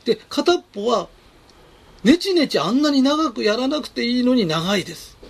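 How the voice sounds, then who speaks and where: Guy with a high swoopy voice, gravelly and a bit husky, explaining stuff with lots of um's. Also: big pitch swings, moderate pace. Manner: emphatic, repeats key words, many fillers. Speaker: advice speaker answering listener questions. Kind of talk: explanatory advice talk.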